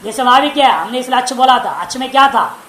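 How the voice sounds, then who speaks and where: A woman's voice: on the high side, animated, fast, a bit bright. A woman teacher giving a grammar lecture, asking the class questions and answering them herself. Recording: roomy echo with faint background hiss.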